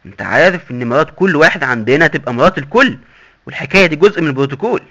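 A man's voice: fairly high pitch, lively intonation, rapid-fire, bright, forceful tone, heavily acted. A man with an Egyptian accent voicing a boastful, sly male doctor in hell who lectures glibly and mockingly. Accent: Egyptian Arabic. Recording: dull lo-fi recording.

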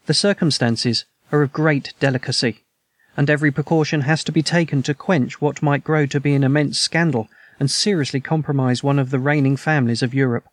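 A man's voice: medium pitch, fairly even intonation, a little fast, no echo, studio quality, lightly acted. A man reading the lines of a proud, masked nobleman king in an audiobook story, with formal, stately speech.

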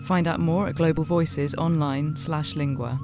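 A man's voice: on the high side, steady tone, moderate pace. A man announcing a short scripted promotional spot in an upbeat, inviting way. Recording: music playing clearly behind.

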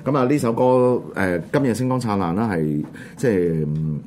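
A man with a Hong Kong Cantonese accent, hosting an online radio show and chatting casually about current events in a subdued, halting way. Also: on the low side, a little mellow, faint music behind. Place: studio.

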